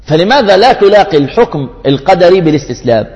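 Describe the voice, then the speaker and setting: Man, preacher, earnest sermon, rhetorical questions, slightly high voice, long hall reverb. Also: big pitch swings, fast talker, darkish tone, muffled recording. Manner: earnest, addresses the congregation with rhetorical questions and anecdotes.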